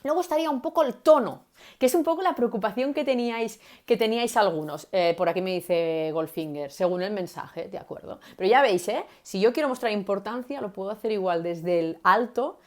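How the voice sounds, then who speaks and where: A woman voice coach giving a live-stream talk to viewers. She talks in a lively way and swings from loud passages to soft, hushed ones to show how volume works. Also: mid-range voice, a little fast, hardly any pauses. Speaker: voice and communication coach.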